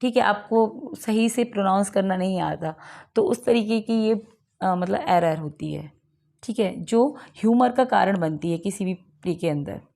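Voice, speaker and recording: A woman with a gravelly, fry-tinged voice teaches an exam-prep lesson on literary terms. She reads each definition slowly, then breaks it down in a chatty mix of Hindi and English, asking herself questions as she goes. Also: medium pitch, dark tone.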